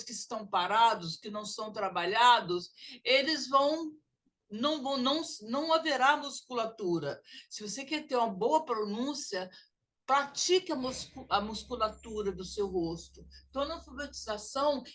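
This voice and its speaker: A woman's voice: fairly high pitch, a bit bright. A woman with a Brazilian Portuguese accent teaching a pronunciation lesson, drawing out model sounds. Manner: drawn-out, exaggerated model sounds. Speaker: literacy teacher.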